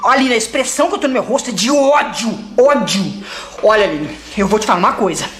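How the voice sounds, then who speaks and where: A woman's voice: on the high side, animated, brisk, roomy sound, lightly acted. A woman playing an exasperated father fed up with his son's online schooling, ranting in a comic sketch. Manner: ranting comic complaint, mock outrage. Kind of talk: comedic sketch video.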